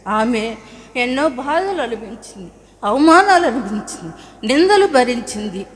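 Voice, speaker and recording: A woman preacher giving a Good Friday sermon at a church service, telling personal stories in an earnest way. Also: fairly high pitch. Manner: earnest storytelling with personal testimony. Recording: church hall with long reverb.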